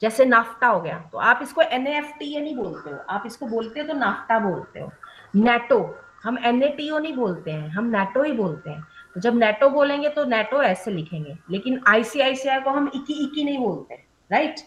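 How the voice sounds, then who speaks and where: A woman's voice: a little high, sing-song, moderate pace, a little hiss or hum, poor audio. A young adult woman leading a training session, explaining rules step by step, mixing English terms into her Hindi and checking often that the trainees follow.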